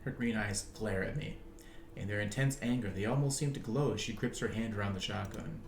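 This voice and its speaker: A man streaming a game, reading its narration aloud in an animated way with frequent chuckles. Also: fairly low pitch, a little fast, roomy sound, a little hiss or hum.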